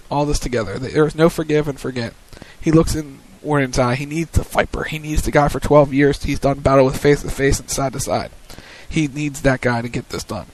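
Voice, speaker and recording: A man's voice: mid-range voice, rough recording. Male radio co-host who retells wrestling segments and calls the match in commentator style, mid-range voice. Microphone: studio mic on a web radio show.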